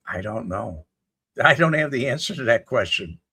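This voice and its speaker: Gravelly-voiced man in his seventies. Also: medium pitch, big pitch swings, normal speed, bright, forceful tone. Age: 70s. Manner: rambling, folksy, reads comments aloud then replies. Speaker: livestream host answering chat. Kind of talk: casual live chat reading viewer comments.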